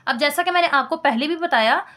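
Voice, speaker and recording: High-voiced woman teaching Quran recitation. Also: a bit bright. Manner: repeats each point slowly, asks and answers own questions. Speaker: tajweed teacher. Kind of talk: recorded lesson.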